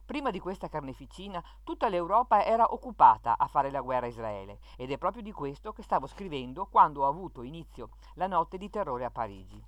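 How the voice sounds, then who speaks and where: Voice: mid-range voice, very animated, a little fast, hardly any pauses, no echo. A speaker reading an opinion column aloud in an indignant tone, with sarcastic rhetorical questions. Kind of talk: scripted reading of an opinion piece.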